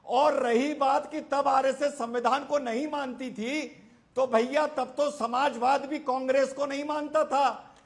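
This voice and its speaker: A man's voice: very high voice, steady tone, unhurried, vocal fry. A man arguing insistently as a panelist on a heated TV debate, repeating himself to talk over others.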